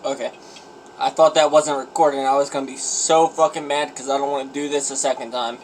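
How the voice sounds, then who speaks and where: A man's voice: mid-range voice, little pitch movement, fairly quick, a little hiss or hum, poor audio. A man filming an eating challenge vlog at home on a phone, groaning and complaining in an exaggerated, self-pitying way as he eats. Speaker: vlogger.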